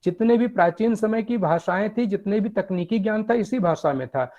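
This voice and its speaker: A man giving a lecture, explaining step by step with animated emphasis. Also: high voice, normal speed, dull audio. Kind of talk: academic lecture.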